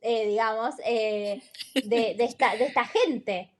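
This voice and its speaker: A woman with a high voice recounts old tales in a casual podcast chat. She pauses often with fillers and checks in with short questions. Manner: conversational storytelling, with frequent fillers and tag questions. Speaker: podcast co-host.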